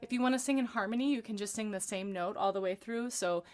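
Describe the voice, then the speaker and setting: Smooth-voiced woman coaching a vocal warm-up. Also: mid-range voice, quick pace, faint music behind. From Los Angeles, USA. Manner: chatty and encouraging, many ums. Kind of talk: livestream vocal warm-up lesson.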